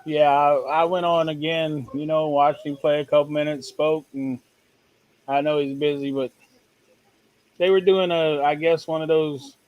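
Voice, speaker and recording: A man's voice: a little high, little pitch movement, measured pace, muffled recording. A man co-hosting a live stream, chatting casually and answering in short, laconic replies. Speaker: co-host.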